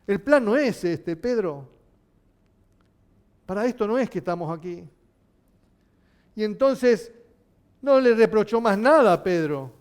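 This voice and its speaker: A man's voice: high voice, a little slow, long pauses, smooth. A male pastor preaching a sermon, asking his listeners questions. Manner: animated, asking the congregation questions.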